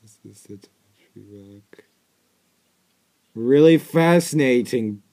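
Reacting to a cartoon from his small bedroom, a young man jokes and rambles casually, mumbling asides and swearing into an earbud headset mic. His mid-range voice is warm, expressive, and slow.

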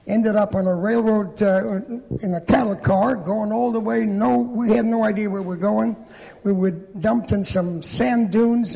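This Holocaust survivor from Poland, a man in his 80s with a high, creaky voice, gives testimony to an audience in a large church hall. Holding a microphone, he tells his life story plainly and steadily, gesturing as he goes, and the hall is reverberant.

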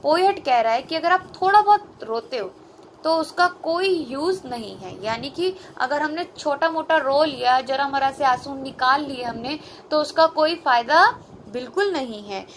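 A woman's voice: sits high, expressive, a little hiss or hum. A woman teacher explains a poem to children. She asks questions and answers them herself, and mixes Hindi and English. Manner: reads English lines slowly.

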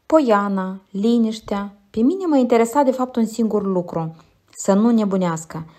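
A woman narrating a literary audiobook, her voice mid-pitched and measured. She reads quietly and reflectively, in an even unhurried manner.

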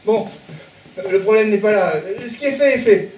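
Male actor: high, flustered plotter, amateur stage, roomy and distant. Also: moderate pace, a little mellow, a little hiss or hum, close to an everyday voice. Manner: flustered, pleading. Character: anxious man scheming to get his lab results. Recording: echoey hall from far off.

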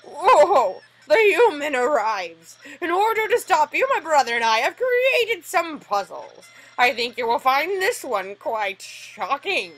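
A woman voicing a loud, boastful skeleton man who loves puzzles, in a shouty, theatrical way. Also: high voice, pitched above the performer's own voice, exaggerated voice, poor audio.

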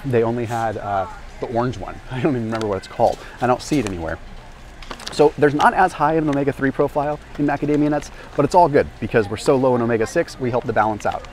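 A health and nutrition vlogger in his thirties walks a warehouse store aisle, energetically explaining nutrition to the camera in an educational grocery walk-through. He talks fast in a medium-pitched, darkish voice, picked up by a small lapel mic with slight background noise in the large indoor store.

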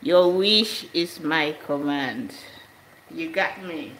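A woman chats her way through a live cook-along in her home kitchen. She talks slowly and laughs often, with a few Italian phrases mixed in. The room is echoey, with a faint hum behind her. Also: deep voice, a bit bright. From Sierra Leone. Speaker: cooking vlogger. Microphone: camera above the stove.

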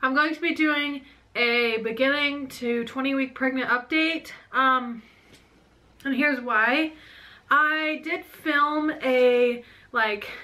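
A woman's voice: sits high, pushed and bright. A young woman in her twenties chatting to her camera in a bedroom at home, out of breath, rambling and jumping from thought to thought. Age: 20s. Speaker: vlogger. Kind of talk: casual chat to camera. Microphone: camera on a stand.

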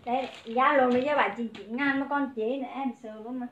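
A high-pitched woman runs a livestream clothing sale, rattling off prices and calling to her viewers. Her voice rings in a roomy space, and the sound is a little dull and muffled. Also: fairly even intonation, brisk, fairly bright tone, slight background noise. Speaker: online clothing seller.

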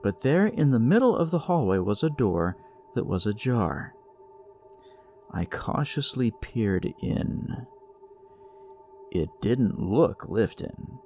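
A man narrating a first-person horror story in a slow, measured storytelling manner. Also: on the low side, a little mellow, slight background noise.

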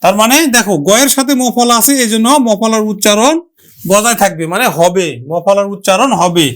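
Teacher slowly drawing out example words. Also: mid-range voice. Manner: drawn-out, careful sounding of example words; repeats each example word for the listener. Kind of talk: Bengali pronunciation lesson.

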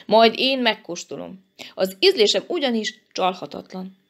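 Brief: self-assured anteater cub, voiced by a woman, matter-of-fact, gravelly. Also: medium pitch, expressive, natural voice.

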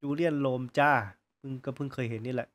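A man hosting a gaming channel, commentating his gameplay live with a sore throat from illness, breaking into rapid repeated exclamations. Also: medium pitch.

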